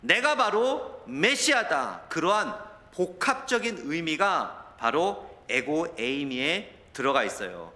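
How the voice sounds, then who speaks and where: A male pastor preaching a sermon in a lively, storytelling manner. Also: fairly high pitch. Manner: animated preaching, mixes in anecdotes and quoted dialogue. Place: church sanctuary. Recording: long church hall reverb.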